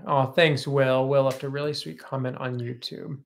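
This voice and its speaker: A man's voice: mid-range voice, fairly even intonation, moderate pace, vocal fry. Chatty man in his thirties, home kitchen. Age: 30s. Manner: chatty, reads viewer comments aloud. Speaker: co-host. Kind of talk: casual livestream chat.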